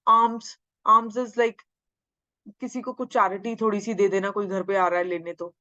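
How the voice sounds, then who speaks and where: Woman teacher, exam-prep grammar lecture, slow drawn-out lines, dry slightly dull sound. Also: mid-range voice, level tone, pushed and bright, dry recording. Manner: mixes Hindi and English, drawls English sentences slowly, asks and answers own questions. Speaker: English teacher.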